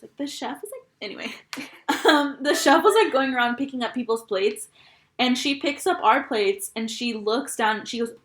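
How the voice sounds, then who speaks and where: Animated young woman in an echoey room. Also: a little high. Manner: animated, laughing, swearing. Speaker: podcast co-host. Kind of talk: casual chat.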